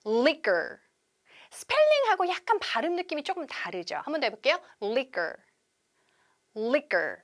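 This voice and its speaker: A woman teaching English conversation on a TV lesson, drawing out each model word slowly for viewers to repeat. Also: high-pitched. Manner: lively teacher, slow drawn-out model English words for repeating.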